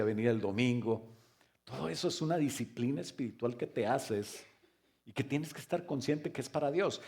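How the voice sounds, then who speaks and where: A man preaching a sermon as pastor, firing rhetorical questions and joking asides, now loud and emphatic, now quiet. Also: mid-range voice. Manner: swings between loud emphatic stress and soft quiet stretches.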